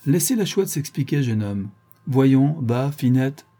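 A man reading the part of a menacing male brigand and murderer in an audiobook, gruff and commanding. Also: medium pitch, big pitch swings, a little slow, dark tone, pitched above the performer's own voice.

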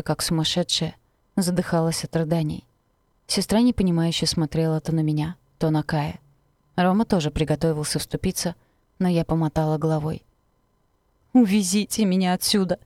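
Low-voiced woman narrating a novel. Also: level tone, fairly quick, darkish tone, dry recording, studio quality. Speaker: audiobook narrator. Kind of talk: first-person novel narration.

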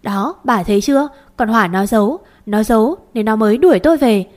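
Người phụ nữ đóng bà mẹ trung niên chanh chua la lối. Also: female voice, on the high side, expressive, normal speed, close to an everyday voice. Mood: shouting. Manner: loud, wailing, coarse. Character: shrill brash middle-aged mother, wailing and quarrelsome.

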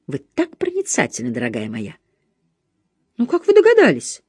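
A woman's voice: low-pitched, wildly swooping pitch, normal speed, a little mellow, breathy edge, dry recording, studio quality, heavily acted. A woman voicing a fussy, chattering elderly female companion who coos and talks down to her charge, in an audiobook reading. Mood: gossiping. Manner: cooing, patronizing, clucking.

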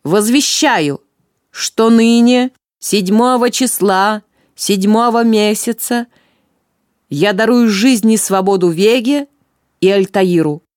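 A woman's voice: mid-range voice, slow pace, darkish tone, no room sound, clean studio sound, natural voice. A woman voicing a stern, pitiless queen of the amazons in a storybook reading, with a harsh, commanding delivery.

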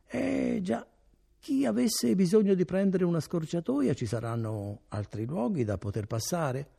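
A man voicing a wary young mountain villager, guarded and evasive, with a husky gravelly voice, in an audiobook. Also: sits high, sing-song, measured pace, dark tone, pitched above the performer's own voice, exaggerated voice. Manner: evasive, guarded, feigned indifference. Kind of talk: audiobook character reading.

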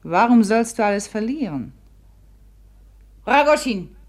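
In a 1950s German radio drama, an actress plays a proud, wounded, reckless young society beauty, theatrical and commanding with bitter resignation beneath. Her voice is a little high and very animated, yet unhurried. The mood is cruel and taunting.

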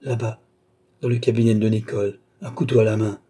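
A man voicing an entranced young woman in an audiobook, anguished and pleading, her cries climbing high. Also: steady tone, brisk, dark tone, slightly rough.

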